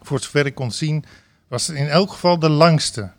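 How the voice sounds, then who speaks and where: Man, fairly high voice, reading a funny story aloud, sings loud party chants, dry studio sound. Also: moderate pace, no room sound. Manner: lively reading with bursts of laughter and sung chants. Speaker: reader of a book passage on a talk show.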